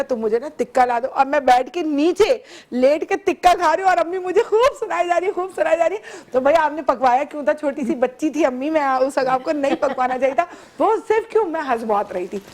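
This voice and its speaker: A woman hosts a casual morning show. Her voice sits high and bright, and she tells animated stories with frequent laughter. She sounds like she is talking in a TV studio. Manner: animated storytelling, laughs often.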